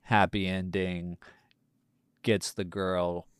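A man with a fairly low voice chats casually about films on a podcast, piling up fillers and restarts. His sentences tend to fade out at the ends. The sound is dry and close, with no room around it. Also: level tone, slow pace, clean tone, dry recording. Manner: rambling, filler-heavy, trailing off quietly. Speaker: podcast co-host. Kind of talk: casual film review chat.

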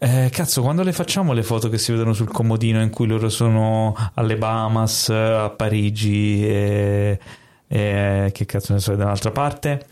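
A man's voice: fairly low pitch, steady tone, normal speed, darkish tone, smooth. Man, casual chat, explaining, joking, podcast co-host.

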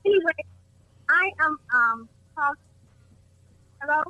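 Phone-in caller: middle-aged woman, bright voice, distant and dry over the line. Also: sits high, lively intonation, dry recording. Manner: gushing, halting with fillers. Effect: heard over a phone line. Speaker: caller, mother of a host. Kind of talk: call-in chat.

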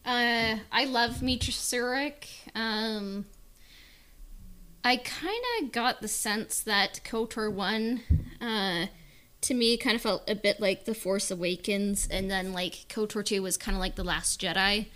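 A woman with a mid-range, sharp-toned voice speaks slowly as a podcast panelist. In a casual chat she offers her opinion on a book, hedging and hesitant in an informal way.

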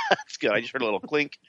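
A man's voice: medium pitch, wildly swooping pitch, brisk, pushed and bright, no room sound. A man co-hosting a podcast, chatting casually about politics in a joking, sarcastic way. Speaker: podcast co-host. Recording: dry, dull lo-fi sound.

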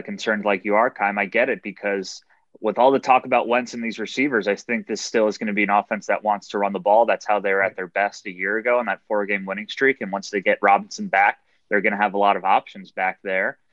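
A man with a fairly low voice gives casual sports analysis on a podcast panel. The sound is dry and somewhat dull, like a lo-fi microphone. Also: fairly bright tone, dry recording.

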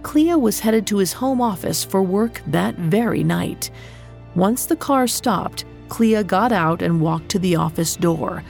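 A woman hosts a true-crime show in scripted narration, with music running underneath. Her delivery is measured and suspenseful, telling the story like a crime show narrator at a middling pitch. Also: gravelly, a little mellow. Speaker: podcast host and narrator. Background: background music.

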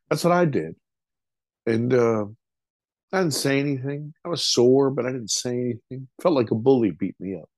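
A man's voice: medium pitch, darkish tone, no room sound. A middle-aged man, a podcast interview guest, vividly retelling a frightening childhood memory in a loose, casual way, swearing freely.

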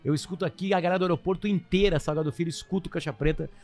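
A man with a fairly high voice tells stories on a comedy podcast. He talks in an animated, pushy way, hurrying the others along. Faint music plays under him. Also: rapid-fire. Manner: animated storyteller, urges others on. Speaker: podcast co-host. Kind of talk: casual comedic chat.

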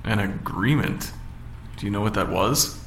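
A man voices an unsure male amateur investigator in a radio drama, hesitant and probing with a weary edge. His low voice has a gravelly fry. The sound has a roomy echo. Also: measured pace, fairly bright tone, a little hiss or hum. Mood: wary.

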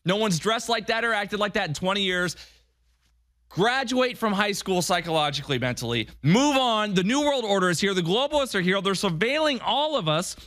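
Indignant conspiratorial man ranting, American, high-pitched. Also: animated, moderate pace, a bit bright, no room sound, studio quality. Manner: sarcastic, mocking. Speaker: talk show host. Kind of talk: political opinion rant on a call-in show.

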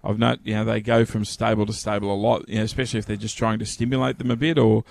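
A man's voice: on the low side, level tone, quick pace, creaky, darkish tone. A man discussing horse training on radio, hesitant with fillers and restarts. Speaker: racing guest.

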